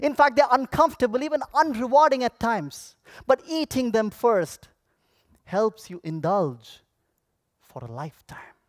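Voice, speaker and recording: Man, high voice, very lively intonation, theatrical motivational speech, projected delivery, dramatic pauses, dry sound. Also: dry recording. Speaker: contest public speaker. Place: on stage at a speech contest convention.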